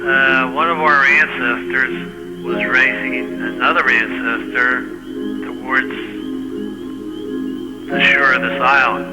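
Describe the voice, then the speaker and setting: Slow, halting man telling family lore. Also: medium pitch, fairly even intonation, rough recording. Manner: unhurried, halting, repetitive telling. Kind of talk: casual family storytelling. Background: loud music.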